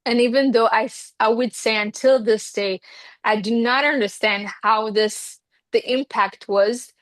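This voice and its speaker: A Reiki healer in her twenties, whose first language is Hebrew, talks in a casual interview in an earnest, rambling way with many fillers. Her voice is slightly high, steady in tone, and measured in pace, with no echo.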